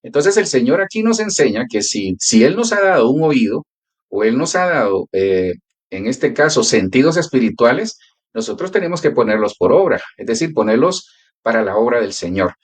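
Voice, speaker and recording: A man's voice: mid-range voice, very animated, moderate pace. A male pastor who prays and then teaches a church class, telling stories in a prayerful, earnest way.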